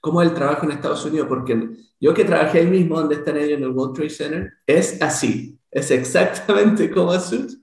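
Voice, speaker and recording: A man from Chile, a guest consultant talking in a casual interview, animated and talkative. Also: on the high side, brisk, gravelly, few pauses, roomy sound. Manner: animated, talkative, many restarts. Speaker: guest, SAP SuccessFactors consultant.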